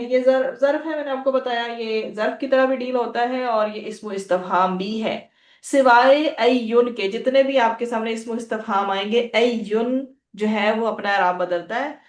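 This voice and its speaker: A woman's voice: a little high, far from the mic. Woman teaching Arabic in an echoey room. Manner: explains patiently, repeats phrases and checks with "ठीक है?". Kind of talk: language lesson.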